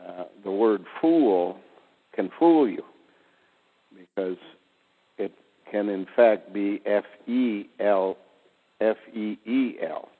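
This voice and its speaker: A man with a fairly low voice talks in an unhurried, deliberate way and breaks down words letter by letter. The sound is thin and phone-like, with a long reverb tail behind it. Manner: slow, deliberate wordplay explanations. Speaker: guest speaker. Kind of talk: casual phone conversation. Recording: tinny phone line with reverb.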